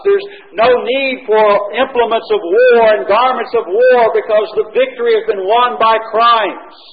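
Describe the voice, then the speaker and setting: A man preaching an expository sermon, reading scripture aloud and explaining it point by point, rising to emphatic lines and dropping to quiet ones. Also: high voice. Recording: tinny phone-like sound with faint noise.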